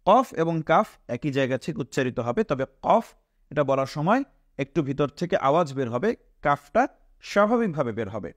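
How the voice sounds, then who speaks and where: A male teacher with a Bangladeshi Bengali accent leads a patient pronunciation lesson, stretching each letter sound and repeating it. His voice sits a little high for a man. The recording is dry and close, with no room echo. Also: big pitch swings, moderate pace. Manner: asks the class questions and answers them himself. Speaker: Quran reading teacher.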